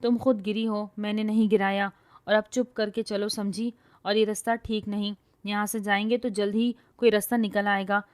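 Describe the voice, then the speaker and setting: A woman's voice: medium pitch, level tone, no echo, natural voice. A woman voicing a patient but irritable young man who speaks sternly and curtly, in a storybook reading. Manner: stern, curt and fed up.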